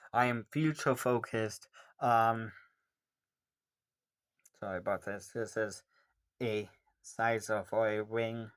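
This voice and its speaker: Slow, hesitant teenage guy. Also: fairly low pitch, a bit bright. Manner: rambling, hesitant, many ums. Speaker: vlogger answering questions. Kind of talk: casual Q&A monologue.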